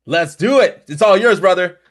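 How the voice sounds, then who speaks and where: A man hosting a livestream webinar in an energetic, hyped way, calling out viewers by name. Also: high voice, normal speed. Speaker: webinar host.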